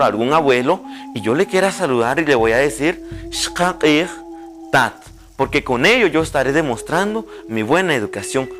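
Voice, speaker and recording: A man, a language teacher giving a televised lesson and slowly spelling out pronunciation drills. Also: medium pitch, fairly bright tone. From Guatemala.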